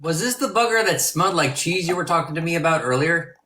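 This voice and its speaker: Lively, playful voice in pirate banter. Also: medium pitch, quick pace, a little hiss or hum. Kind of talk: in-character pirate banter on a group call. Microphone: voice call.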